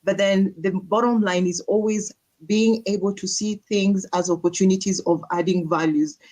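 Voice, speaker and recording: Measured woman guest from Kenya. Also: medium pitch, fairly even intonation, darkish tone. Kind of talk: live panel discussion.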